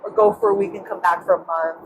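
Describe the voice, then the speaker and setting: A woman's voice: mid-range voice, quick pace, noisy background. A young woman, a guest, telling a story in casual chat and acting out the people in it. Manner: animated, acts out quoted voices.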